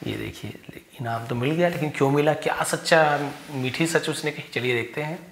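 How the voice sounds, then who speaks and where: A man with a slightly high voice teaches English grammar. He reads each English line of a story slowly, then explains it word by word in Hindi. The room around him is echoey. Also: a bit bright, a little hiss or hum.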